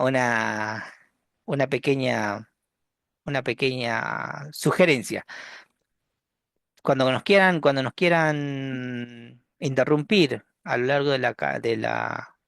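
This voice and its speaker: A university lecturer with a Rioplatense Spanish accent gives an online class over video call in a mid-range, gravelly voice that sounds dry and close. He speaks slowly and relaxed, joking, pausing often, restarting phrases and closing them with tag questions.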